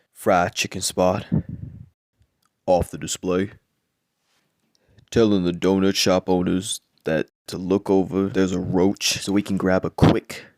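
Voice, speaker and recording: On a dry recording, a low-pitched man makes up a crude bedtime story on the spot, deadpan and rambling, swearing a lot and repeating words.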